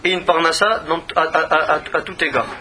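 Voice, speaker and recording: Male rabbi type, earnest teaching voice, very bright timbre, broadcast feel. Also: on the high side, a little fast. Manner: earnest, repeats words when searching. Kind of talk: religious lesson.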